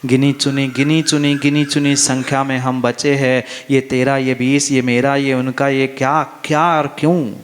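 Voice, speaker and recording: A man's voice: mid-range voice, completely flat delivery, unhurried, hardly any pauses, a little hiss or hum. Man preaching to a festival gathering, insistent and repetitive, big echoing hall. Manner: emphatic, repeats phrases, asks the crowd questions. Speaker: Jain monk preacher. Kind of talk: sermon. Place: large hall at a religious festival. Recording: long reverb of a large hall.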